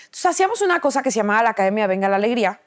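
Woman, Mexican accent, thirties, guest, casual chat, dramatic storyteller, fairly high voice. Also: very animated, racing.

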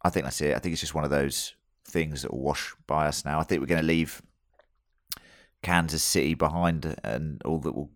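A man with an extremely deep voice, captured dry. He co-hosts a casual review chat, feeling his way through each thought in a matey, jokey, sweary manner. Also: steady tone, normal speed, no echo. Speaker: podcast co-host.

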